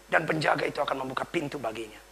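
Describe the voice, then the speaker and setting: A man preaching a dramatic sermon, retelling a story and acting out its voices, dropping to whispers and rising to shouts. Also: medium pitch, racing, vocal fry. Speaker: pastor.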